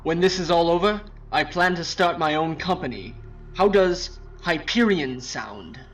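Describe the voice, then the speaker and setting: Man playing earnest, higher-voiced young research assistant. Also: unhurried, lightly acted. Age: young adult. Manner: earnest, urgent, dramatic. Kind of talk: acted game character dialogue.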